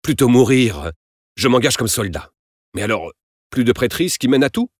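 A man's voice: mid-range voice, lively intonation, normal speed, no room sound, studio quality, pitched above the performer's own voice, natural voice. Man voicing a proud, sullen young man. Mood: defiant. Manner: curt, cold, defiant.

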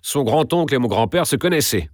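A man reading aloud and voicing a stiff older aristocratic count who is ceremonious and quick to flare up. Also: mid-range voice, lively intonation, no room sound, studio quality, voice pushed up, lightly acted. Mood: insistent. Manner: ceremonious, bursts out sharply.

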